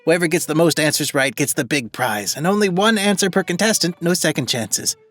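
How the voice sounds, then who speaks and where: A man's voice: on the high side, animated, brisk, a bit bright, dry recording, soft background music, pitched above the performer's own voice. A man voicing a friendly Scottish woman pub landlady, chatty and welcoming, while reading game dialogue aloud.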